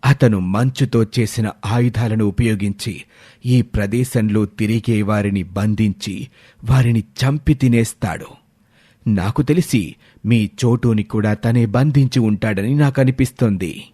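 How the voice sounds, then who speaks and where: A man voicing a gentle, lonely male stranger from a snowy land in an animated storybook, speaking in a calm, cautious tone. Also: lowish voice, unhurried, husky, no echo, clean studio sound, voice pushed down. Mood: warning.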